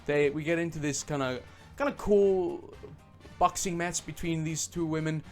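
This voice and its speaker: Male vlogger, slightly high voice, sarcastic and profane, casual rant over faint guitar music. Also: flat delivery, brisk, fairly bright tone. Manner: sarcastic, profane, many fillers. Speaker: game reviewer. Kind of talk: casual ranting review.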